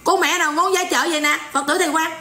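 A high, bright-voiced woman in her forties with a Southern Vietnamese accent rants in mocking, scolding commentary. Her sharp tone bounces around an echoey room. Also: fairly even intonation, quick pace. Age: 40s. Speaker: online commentator. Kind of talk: ranting livestream commentary.

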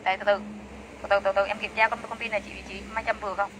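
A woman's voice: mid-range voice, level tone, rapid-fire, noisy background. A woman selling clothes on a livestream, chatty and enthusiastic, repeating prices over and over. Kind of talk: fast live-sale patter.

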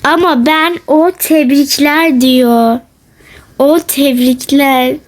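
A woman's voice: high-pitched, fairly even intonation. A young woman chatting casually and playfully while commenting on her gameplay for her channel. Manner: chatty, playful, often drawn-out and teasing. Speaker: gaming vlogger.

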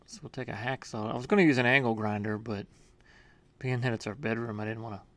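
There's no room sound around this man's mid-range, slightly bright voice, which moves quickly. A home workshop maker, he gives a casual voice-over of his own build, describing each step in a plain, matter-of-fact way with small hesitations.

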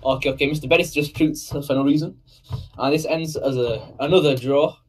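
A man co-commentating a live esports match, upbeat and teasing, with quick reactions to plays. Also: a little high, steady tone, breathy edge, poor audio. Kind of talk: casual live game commentary.

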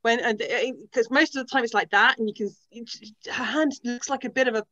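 Woman, measured and thoughtful, video call, dry dull sound. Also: fairly high pitch, pushed and bright, no echo. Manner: thoughtful, measured, with frequent ums. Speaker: body language panelist. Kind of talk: casual analysis on a video call.

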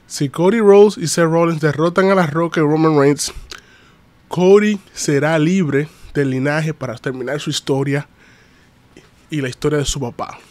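A man recaps wrestling on a live stream, lively and chatty as he greets his chat. His voice sits a little high, and the recording is close and dry, with no room echo. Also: normal speed.

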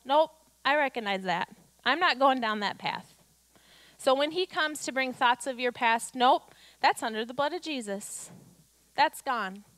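A woman in her thirties preaches from a church stage with a high, bright voice. She drives her points home with rhetorical questions and acts out quotes. The sound through her handheld mic is close and dry. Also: no echo. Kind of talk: sermon.

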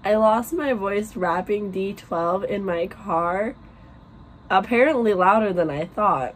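In her small bedroom, a twenty-something woman vlogs about life and books, chatty and rambling with plenty of fillers. Her mid-range voice moves slowly and sounds worn and weakening, with a little hiss or hum in the background.

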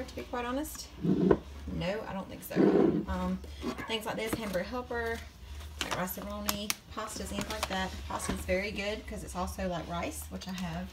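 A woman's voice: mid-range voice, moderate pace, heavy background noise. Chatty woman giving home tips. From American South. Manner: chatty, advice-giving, many ums. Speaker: vlogger. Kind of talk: casual grocery haul vlog. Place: home kitchen, indoors.

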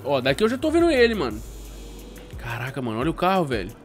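A Brazilian man hosting a gameplay video, excitable and slangy, calling everyone mano. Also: medium pitch, quick pace, soft background music. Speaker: gaming YouTuber host. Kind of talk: casual gameplay commentary.

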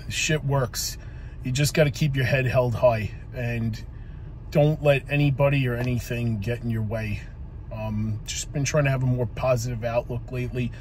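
There's slight background noise as this mid-range male voice, a police officer in his forties, rambles through a casual motivational talk. He's parked in his car, speaking into a phone camera on the dashboard, with frequent ums, likes, and casual swearing.

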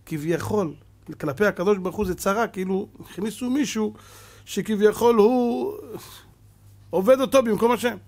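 A rabbi preaching a sermon, animated and full of rhetorical questions to his listeners. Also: sits high.

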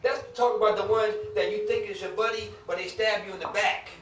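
A man with a high, steady, slightly bright voice preaches briskly, hammering points home with rhetorical questions and loose, humorous asides to the congregation. He sounds distant from the mic in an echoing church sanctuary, with faint room murmur and soft background music.

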